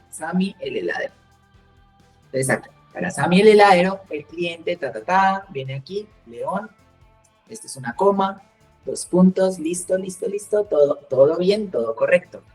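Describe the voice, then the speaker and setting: Woman walking through code live, low-ish voice, keeps asking "right?", faint music under it. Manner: explains step by step, checks in with "¿cierto?" and "¿vale?". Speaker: programming instructor. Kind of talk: live coding lesson.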